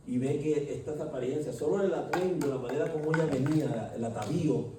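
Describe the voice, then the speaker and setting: A preacher giving an emphatic sermon and often asking the congregation rhetorical questions. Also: male voice, a little high, a little fast, noisy background. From Colombia. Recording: echoey hall, distant mic.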